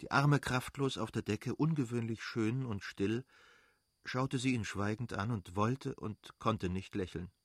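A man reading a literary novel aloud as narrator, measured and dramatic. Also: medium pitch, husky, no room sound, clean studio sound. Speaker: audiobook narrator.

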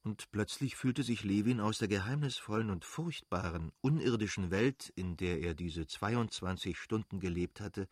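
A man reading a literary novel aloud as narrator, measured and dramatic. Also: lowish voice, slightly rough, no room sound, studio quality. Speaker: audiobook narrator.

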